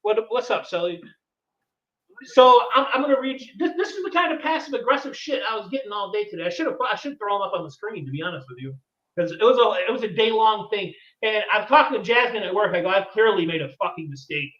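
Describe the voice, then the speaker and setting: Profane ranting man, high voice, echoey. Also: lively intonation, sharp tone. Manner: profane, exasperated, rapid storytelling. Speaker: podcast host. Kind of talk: ranting casual chat. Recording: echoey room, distant dull mic.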